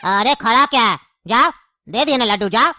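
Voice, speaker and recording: A woman's voice: on the high side, lively intonation, moderate pace, pushed and bright, slight background noise. A woman voicing an impatient male jail officer in a cartoon, barking orders. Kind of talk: cartoon comedy voice acting.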